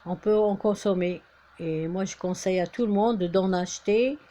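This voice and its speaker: A woman's voice: mid-range voice, normal speed, mellow. A woman from Algeria talking casually to camera, hesitant with many fillers and restarts, turning insistent when she urges people on. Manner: insistent, exhorting. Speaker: vlogger.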